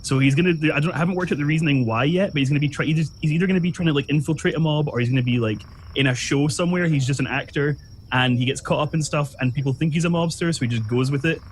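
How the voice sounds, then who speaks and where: A man's voice: fairly high pitch, very fast, slight background noise. A man playing a tabletop game, rambling as he thinks aloud about his plans. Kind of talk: casual chat among players.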